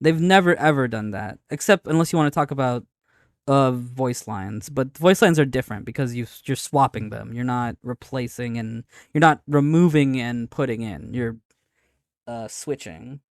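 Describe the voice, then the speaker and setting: A man streaming casual live commentary, arguing his points in an insistent, halting way with frequent repetition. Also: mid-range voice, dry recording, clean studio sound. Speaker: streamer reacting to a video and answering chat. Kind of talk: casual live commentary, debating game updates.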